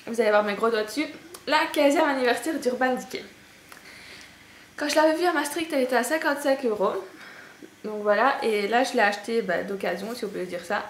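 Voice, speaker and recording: A young woman with a Belgian French accent chats through a beauty haul, gushing and poking fun at herself between fillers. Her voice sits a bit high. The room is echoey, with a faint hum of ambience behind her. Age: young adult. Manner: chatty and gushing, with frequent fillers and self-mocking laughs. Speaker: beauty vlogger. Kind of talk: casual haul video chat.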